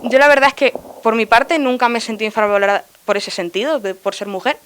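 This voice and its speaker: A woman's voice: a little high, quick pace, a bit bright, clear, resonant tone. A young woman artist, answering interview questions earnestly and a little hesitantly. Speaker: artist guest.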